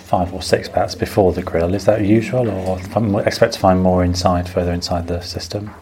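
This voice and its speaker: A man's voice: low voice, steady tone, moderate pace, mellow. A man interviewing and commentating on location from inside an echoey, narrow tunnel. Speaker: interviewer, reporter. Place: narrow low mine tunnel. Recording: echoey tunnel, background noise.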